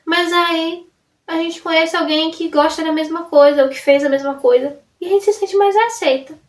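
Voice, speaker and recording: A woman's voice: very high voice, steady tone, normal speed. A young woman vlogging in a casual, rambling way, often breaking off and restarting her sentences. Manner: rambling, self-interrupting, chatty. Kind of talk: casual chat to camera. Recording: roomy sound from a distance off the mic.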